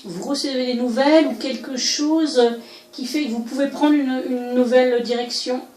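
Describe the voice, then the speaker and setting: A woman doing a solo oracle card reading, musing aloud and pausing often with hesitations as she interprets each card. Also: high-pitched, steady tone, darkish tone, roomy sound, poor audio. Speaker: card reader. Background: faint background music.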